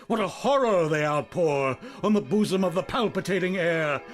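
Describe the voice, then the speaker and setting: Over background music, a man with a high-pitched, animated voice recites poetry at normal speed. His reading is intense and theatrical, and he draws out repeated words.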